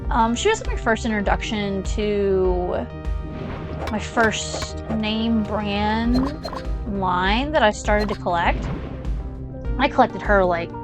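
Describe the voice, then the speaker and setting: Taking it slowly, a young woman with a mid-range voice and lively intonation chats while gaming for her channel. She rambles with lots of fillers and digressions as game music plays underneath.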